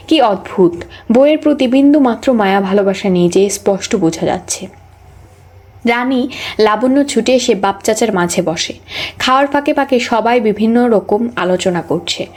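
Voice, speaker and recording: A text-to-speech woman's voice reading a novel aloud as an audiobook, keeping an even, flat delivery for every character. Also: on the high side, slightly rough. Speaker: audiobook narrator.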